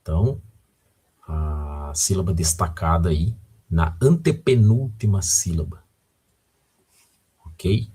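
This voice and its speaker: A man's voice: low-pitched, takes it slowly, long pauses, dark tone, husky. A man with a Brazilian Portuguese accent teaching a recorded video lesson, patient and often checking in with the viewer.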